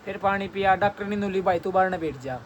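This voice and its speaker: Chatty Haryanvi young man, high voice. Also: brisk, a little hiss or hum. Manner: chatty, storytelling, addresses viewers as brother. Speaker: vlogger. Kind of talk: casual family vlog chat. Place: at home with family.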